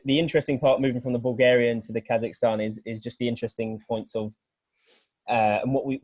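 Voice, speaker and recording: A man's voice: medium pitch, a little mellow, dry recording. A man from Britain, a weightlifting coach, explains his ideas at length on a group video call. His voice sits mid-range and sounds dry and close, and he often restarts his sentences while thinking aloud. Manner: earnest, rambling explanation with many restarts. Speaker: weightlifting coach, guest speaker.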